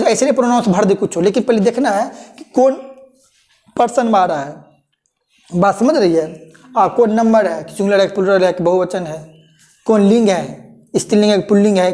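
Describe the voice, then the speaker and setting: Mellow-voiced woman teaching grammar slowly. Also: medium pitch. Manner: repeats terms slowly, checks understanding often. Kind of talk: classroom lesson explaining pronouns.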